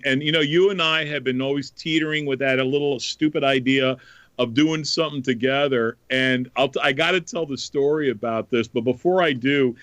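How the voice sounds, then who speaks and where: A man hosting a podcast in casual chat, telling stories in an animated way. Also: mid-range voice, dry recording, highs cut off. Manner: animated storyteller. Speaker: podcast host.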